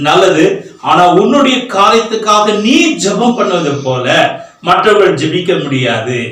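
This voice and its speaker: A man's voice: sits high, a bit bright, far from the mic. A man preaching a sermon, building fervent runs of repeated phrases. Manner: fervent, rising and falling emphasis. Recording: echoey hall, voice from afar.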